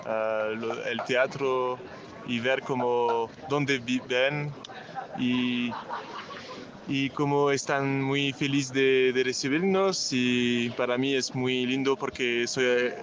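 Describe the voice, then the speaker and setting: A man who is not a native Spanish speaker, a documentary maker, speaking haltingly and searching for words outdoors. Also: medium pitch, steady tone, highs cut off, noisy background. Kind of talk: vox-pop interview. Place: outdoor community gathering. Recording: outdoor field recording with crowd.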